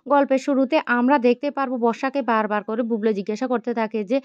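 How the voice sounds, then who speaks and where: A woman rushes through a recap of a TV serial, her slightly high voice tumbling from one scene to the next with quick restarts. The sound is dry and close, with a dull, lo-fi edge. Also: fairly even intonation, a little mellow, smooth, dry recording. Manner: rapid, breathless retelling with frequent restarts. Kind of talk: fast storytelling recap. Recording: dull lo-fi recording.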